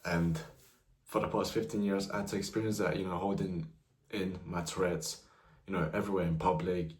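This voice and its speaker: A man's voice: low voice, flat delivery, a little fast, echoey room. A nineteen-year-old man talking casually to camera about his own life, rambling with lots of fillers. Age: young adult, nineteen. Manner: loose, rambling, many "you know" fillers. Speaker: vlogger. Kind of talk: casual personal talk to camera.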